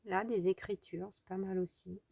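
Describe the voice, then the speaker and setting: A woman's voice: mid-range voice, steady tone, moderate pace, vocal fry, a little mellow, no echo. A French woman chatting casually as she walks through a crafting tutorial, thinking aloud with trailing fillers. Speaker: crafting video host.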